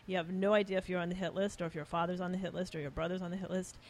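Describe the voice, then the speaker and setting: A woman being interviewed as an author, explaining her arguments in a measured way. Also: fairly low pitch, level tone, a little mellow. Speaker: author guest. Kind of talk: conversational interview.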